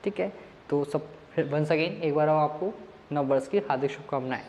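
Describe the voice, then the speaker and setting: A man teaches maths in a casual online lesson, chatting directly to his students and mixing English words into what he says. His voice is fairly high and darkish, his pace moderate. The recording has a long reverb and slight background noise.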